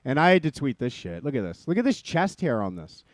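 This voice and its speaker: A man's voice: medium pitch, very animated, fairly quick, dry recording. A man hosting a live stream, rambling and swearing as he talks to his chat. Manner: profane, rambling, addresses chat as ladies. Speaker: stream host. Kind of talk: casual live-stream commentary.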